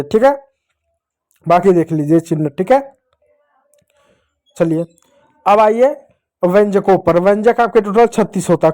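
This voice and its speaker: A man with a mellow, warm-toned voice teaches young children to read. He stretches each sound out in slow drills, poses questions and answers them himself, and keeps checking in with the class. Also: sits high. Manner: slow, drawn-out pronunciation drills with repeated checks. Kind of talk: children's Hindi reading lesson.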